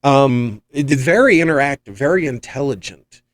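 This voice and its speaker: A podcast host and paranormal investigator with a medium-pitched, animated voice tells rambling, enthusiastic anecdotes at normal speed during a casual chat.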